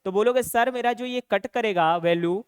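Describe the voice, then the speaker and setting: A young man leads a fast, talkative online maths session aimed at exam preparation. He poses questions and answers them himself, calling students "beta" and "bhaiya." His high-pitched voice has a clean tone, and the recording is dry and studio-clean.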